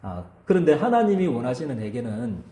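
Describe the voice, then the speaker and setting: A male pastor delivers a sermon with a warm, mellow tone, and his pitch rises and falls in lively swings. He keeps turning to the congregation to ask them to agree. The sound carries with an echo, as in a church hall. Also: brisk.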